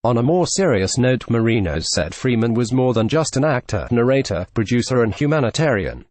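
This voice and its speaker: Male news narrator, scripted report, even delivery, mid-pitched voice, dry close sound. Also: brisk, no echo.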